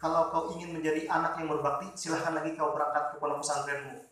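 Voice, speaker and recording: A man voicing a stern mother who speaks slowly and firmly as she turns her son away. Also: fairly high pitch, little pitch movement, a bit bright, close to an everyday voice. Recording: echoey hall, distant mic.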